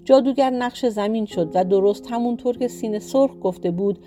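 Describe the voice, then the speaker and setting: A woman narrating a folktale audiobook in a steady, measured reading style. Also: on the high side. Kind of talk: scripted storybook narration. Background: faint guitar music.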